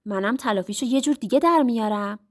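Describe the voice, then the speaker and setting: A woman's voice: a little high, darkish tone, close to an everyday voice. A woman voicing a cocky, teasing young husband in a told story. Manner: teasing, mocking.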